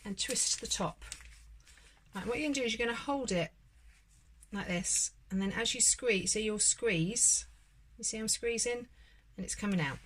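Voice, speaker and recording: A woman's voice: fairly high pitch, moderate pace, long pauses. A woman presenting a casual home baking tutorial, chatting and encouraging as she works through each step. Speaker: home baker demonstrating a recipe.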